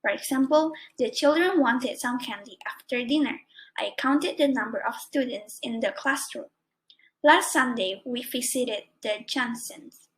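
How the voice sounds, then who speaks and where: Speaking in an unhurried, slightly high voice, an Indonesian-accented student reads out her prepared grammar lesson one careful word at a time. She is a young adult woman, and the recording quality is low.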